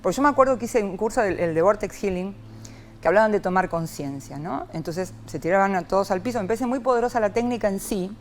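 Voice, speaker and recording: A woman's voice: mid-range voice, quick pace, a little hiss or hum. A woman from Argentina, a psychologist talking expressively as an interview guest. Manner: expressive, lively, frequent rhetorical "¿no?". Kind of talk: reflective interview talk.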